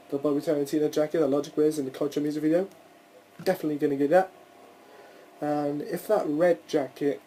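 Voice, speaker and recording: A man's voice: a little high, mellow, slight background noise, low-quality recording. A young man hosting a casual solo podcast, rambling through his thoughts with frequent restarts and the odd swear word. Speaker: podcast host.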